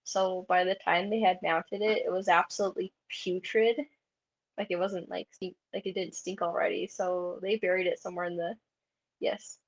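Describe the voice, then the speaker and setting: Chatty woman with a gravelly, fry-tinged voice. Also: fairly low pitch, level tone, normal speed. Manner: chatty, heavy use of "like" fillers. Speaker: convention panel presenter. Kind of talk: casual presentation. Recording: dull lo-fi recording.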